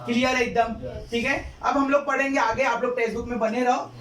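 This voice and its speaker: A male chemistry teacher with a very high-pitched voice lectures his class at a brisk pace and in a level tone. He repeats points and quizzes students with questions. The recording is echoey, made with a distant mic in a classroom full of student chatter.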